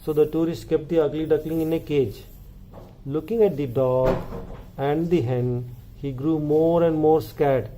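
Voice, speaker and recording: A father telling a children's story to his kids. His voice is soft and mellow, and he stops now and then to ask them questions. A faint background noise hangs under the recording. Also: fairly high pitch, rough recording. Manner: animated, asks the children questions. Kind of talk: bedtime storytelling.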